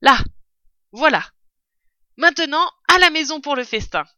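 A woman's voice: high voice, lively intonation, a little slow, sharp tone, no echo, clean studio sound, voice pushed up, full character voice. A woman voicing a bold, clever male fox who leads his family, in a cheery, rousing storybook manner. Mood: eager.

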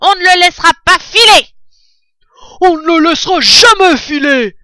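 A woman's voice: animated, normal speed, sharp tone, no echo, studio quality, heavily acted. A woman voicing a short, pot-bellied, cowardly male farmer who yelps shrilly. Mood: shrill. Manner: shrill, yelping.

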